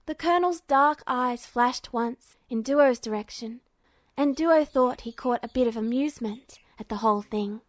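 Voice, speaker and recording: A woman with a high voice reads a fan fiction story from a script at a moderate pace. The recording is very dry, with no room sound.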